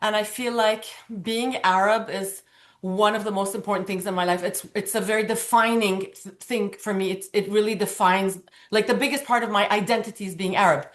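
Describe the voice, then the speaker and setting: A woman from Lebanon whose first language is Arabic, speaking earnestly and warmly as an interview guest. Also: mid-range voice, fairly even intonation, fairly quick. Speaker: guest, pageant titleholder. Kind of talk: casual interview conversation.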